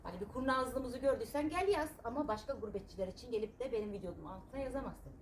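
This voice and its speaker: Sharp-tongued woman vlogging outdoors. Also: on the high side, lively intonation, fast, slight background noise. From Turkey. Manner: sharp-tongued and indignant, then chatty. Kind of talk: casual vlog chat while gardening. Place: home garden outdoors.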